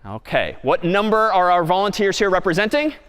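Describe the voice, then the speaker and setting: Male lecturer with a high voice, upbeat and engaging, recorded in a reverberant lecture hall. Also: brisk, smooth. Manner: lively, questioning the audience. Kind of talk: university lecture. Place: large lecture hall stage.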